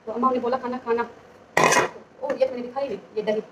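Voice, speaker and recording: Quick, chatty young woman. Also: on the high side, fairly even intonation, far from the mic, highs cut off. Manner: quick, chatty, talks fast by her own account. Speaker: vlogger. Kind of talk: casual vlog chat. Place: home kitchen with dishes about. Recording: home video with noisy background.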